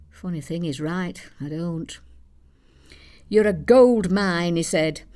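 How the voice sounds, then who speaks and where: Here the same kind of theatre piece features a lowish, somewhat mellow female voice: an older actress as a blunt elderly Yorkshire mother. She tells her story conversationally, dry and matter-of-fact, with plenty of gossip.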